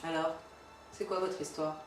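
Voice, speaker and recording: Woman acting a low-voiced pragmatic hunted mother. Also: level tone, moderate pace, close to an everyday voice. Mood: matter-of-fact. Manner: casual, matter-of-fact. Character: pragmatic, sceptical mother hunted by killer machines. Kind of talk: parody film acting. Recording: roomy, some background noise.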